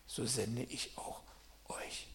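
Middle-aged male preacher, sermon delivery, mid-pitched voice, shifts from hushed scripture reading to loud, animated personal stories. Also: slow pace, creaky, in a whisper. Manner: swings from quiet scripture reading to loud excited storytelling.

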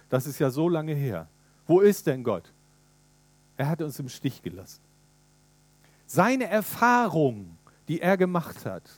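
A man preaching a sermon in a lively way, retelling a story and putting questions to his listeners. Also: on the high side, no echo.

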